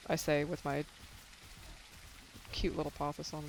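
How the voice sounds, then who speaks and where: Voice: medium pitch, level tone, measured pace, creaky, noisy background. A young adult game streamer chatting casually with viewers while playing, rambling and swearing a little, and losing their voice. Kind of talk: casual live-stream chat while gaming.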